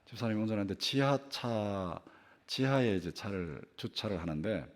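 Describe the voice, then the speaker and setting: A man's voice: lowish voice, normal speed. An older man preaching a sermon as a church pastor, telling a story with repeated phrases and sudden rises and drops in his voice. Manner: animated storytelling with repeated phrases, voice rising and dropping sharply. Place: church sanctuary.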